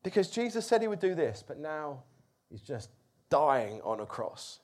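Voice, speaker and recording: A man's voice: on the high side, sing-song, unhurried, darkish tone. A man preaching a sermon, telling a story expressively with rising emphasis.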